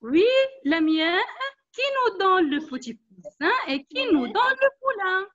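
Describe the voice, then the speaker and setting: A woman teaching an online class for young children, speaking slowly and patiently, encouraging them and repeating instructions over a video call. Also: very high voice, very animated, fairly bright tone. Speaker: primary school teacher. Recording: dull lo-fi online call audio.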